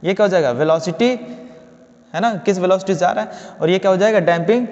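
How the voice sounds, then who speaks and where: A man with a high-pitched, somewhat dark voice talks quickly while giving a physics lecture in a classroom. He poses questions aloud, answers them himself, and often tacks on a tag question to seek agreement. The audio is dull and lo-fi, with a long reverb.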